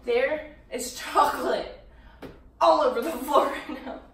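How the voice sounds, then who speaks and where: A woman in her twenties, giggly, tipsy and excitable, chatting casually on a phone camera in a home kitchen. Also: high voice, unhurried. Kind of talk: casual chat while baking. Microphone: phone camera a little way off. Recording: roomy, distant, noisy phone video.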